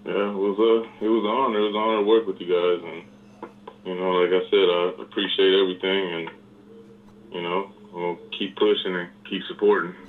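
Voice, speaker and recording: A man's voice: low-pitched, level tone, brisk. A man calling in to a radio show, speaking plainly and unhurriedly. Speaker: caller. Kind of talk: call-in phone conversation. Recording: tinny phone line with hiss.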